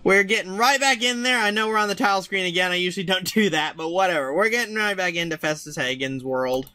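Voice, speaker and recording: A man's voice: sits high, fast, sharp tone, no room sound. A man hosting a gaming show, chatting casually and reading game text aloud.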